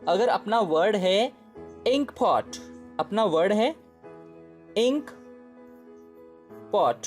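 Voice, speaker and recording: A man's voice: high voice, lively intonation, very slow, faint music behind. A man teaching English grammar in a casual spoken lesson, who repeats points, checks in with his listeners and corrects himself mid-sentence.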